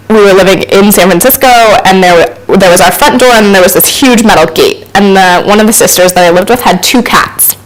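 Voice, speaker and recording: A woman's voice: mid-range voice, low-quality recording. A young adult woman telling a casual personal anecdote, chatty with frequent ums and laughing asides. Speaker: storyteller.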